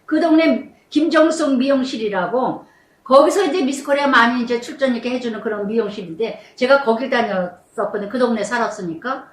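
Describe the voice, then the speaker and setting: A middle-aged woman pastor preaching a sermon with personal testimony, storytelling animatedly and slowing down to stress repeated phrases. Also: on the high side. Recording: echoey room, mic at a distance.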